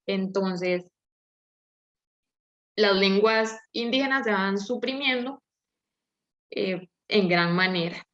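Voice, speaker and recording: A woman's voice: mid-range voice, a bit bright. A young woman with a Latin American Spanish accent giving a hesitant class presentation, with many fillers. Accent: Latin American Spanish, seseo. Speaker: student presenter. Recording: dull lo-fi audio.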